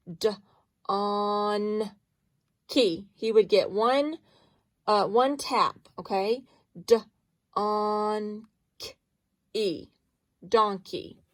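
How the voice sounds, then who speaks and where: A woman teaches phonics to young children. She talks patiently and sounds out each letter and syllable slowly. Her voice sits at an ordinary pitch and is recorded close and dry, with no room echo.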